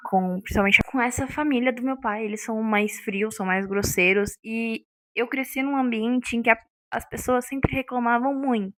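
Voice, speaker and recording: A woman's voice: fairly high pitch, no room sound. A woman, talking unscripted to her viewers in a casual vlog and checking in with them often. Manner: chatty, checks in with listeners often. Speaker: vlogger.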